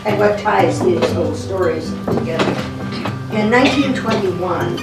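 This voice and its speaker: An older woman, a local historian appearing as guest speaker, tells stories live inside a historic log cabin, folksy and conversational as she acts out the dialogue. Her voice sits on the low side, a little slow and creaky, picked up by a distant mic in a roomy space with music behind.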